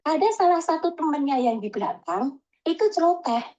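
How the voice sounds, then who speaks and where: A woman calling in and telling a story in a lively, chatty way, acting out the lines people said to her. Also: high-pitched, moderate pace, dull audio. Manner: chatty, animated, acts out quoted dialogue. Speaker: caller. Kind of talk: casual storytelling phone call.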